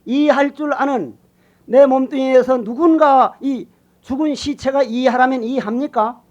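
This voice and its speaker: An older Buddhist monk delivers a sermon in a strikingly high voice. He talks in a folksy, teasing way, rising to loud calls and dropping to near-whispered asides. The recording is muffled and lo-fi. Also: normal speed. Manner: colloquial, teasing and emphatic, swings between loud calls and quiet asides. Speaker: Buddhist monk giving a dharma talk.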